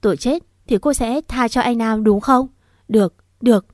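A distraught young woman, put on by a female narrator pleads through choked tears. The tone is mellow and soft-edged, recorded dry and close. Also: a little high, moderate pace, no room sound, lightly acted. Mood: frantic. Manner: tearful, begging, voice choked.

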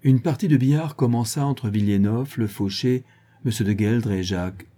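Brief: measured audiobook narrator, man, husky and dark. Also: mid-range voice. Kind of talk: literary audiobook reading.

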